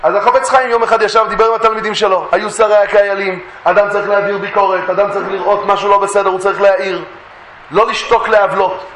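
A man giving a Torah lesson, telling stories lively and acting out the voices he quotes. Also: high voice, slight background noise. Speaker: Torah teacher. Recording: echoey room.

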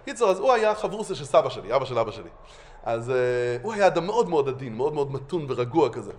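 Animated, high-pitched male Torah lecturer. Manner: animated, emphatic, with many restarts. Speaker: rabbi.

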